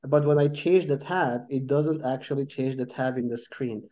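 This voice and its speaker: A man at middle pitch with a dark, mellow tone walks through a software demo on a group video call. He talks in a relaxed, informal way and often stops to restart his sentences. The audio is dull and lo-fi, as call audio tends to be. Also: normal speed. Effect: heard over a group video call. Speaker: software developer and company co-founder.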